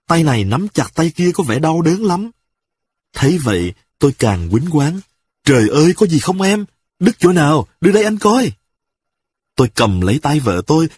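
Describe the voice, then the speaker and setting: A man reading a comic story aloud in the first person, in an expressive storytelling style. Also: medium pitch, slightly rough. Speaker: narrator.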